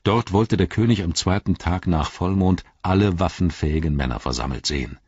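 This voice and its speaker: A man reading a fantasy novel aloud as narrator, in a steady, formal storytelling manner. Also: low-pitched, fairly quick, husky, no room sound, dull audio. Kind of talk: scripted audiobook narration.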